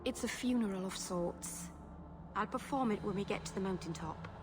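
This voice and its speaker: A woman's voice: medium pitch, moderate pace, noisy background, lightly acted. An actress playing a shy, earnest young elf woman, a mage who speaks hesitantly and apologetically in video game dialogue. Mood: solemn, earnest.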